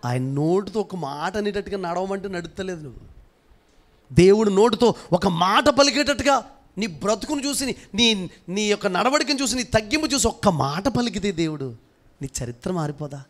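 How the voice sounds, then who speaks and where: A man preaching with a high, ringing voice. He works himself up to loud, urgent repeated cries, then drops back to a low, pressing tone to drive his point home. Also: lively intonation, moderate pace. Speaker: pastor. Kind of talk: sermon.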